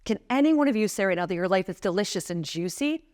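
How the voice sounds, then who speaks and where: With a mid-range, slightly mellow voice, a woman in her thirties speaks fast and animatedly as a guest motivational speaker to a live audience. She's emphatic throughout, building into passionate exhortation.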